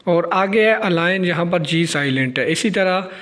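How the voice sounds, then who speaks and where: A man with a Pakistani accent teaches, and his voice sits high. He goes patiently from one word to the next and says the English lines slowly and clearly. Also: lively intonation, a bit bright. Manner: explains each word step by step, reads out the English lines slowly. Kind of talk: explaining a lesson on a recording.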